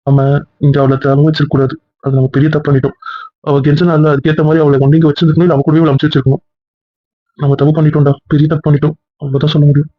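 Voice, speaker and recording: Remorseful husband, fast begging delivery, lo-fi audio drama, played by a man. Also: on the high side, level tone, no echo, lightly acted. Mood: dejected. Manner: pleading, repetitive begging. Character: remorseful young husband pleading with his wife. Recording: dull lo-fi recording.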